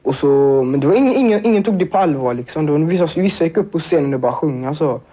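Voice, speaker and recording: Teenage boy, halting, dark-toned voice. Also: a little high, lively intonation, slightly rough. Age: teens. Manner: halting, filler-heavy, restarts. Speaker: survivor interviewee. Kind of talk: emotional personal account.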